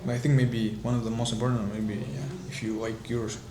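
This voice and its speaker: A man in his twenties from Kazakhstan, a startup founder being interviewed, speaking halting English with many fillers. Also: on the low side, little pitch movement. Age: 20s. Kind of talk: casual interview. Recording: roomy echo with clear background noise.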